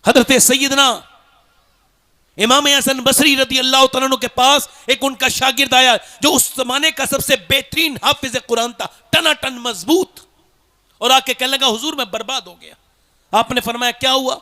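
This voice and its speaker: A man preaching a sermon, swinging from shouted peaks down to low, quiet appeals. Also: steady tone, moderate pace. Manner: fiery, rises to shouts then drops low.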